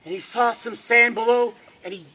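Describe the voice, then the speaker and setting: A man telling a campfire story at a camp, dramatic and swinging from hushed to loud. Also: very high-pitched, steady tone, normal speed, rough recording.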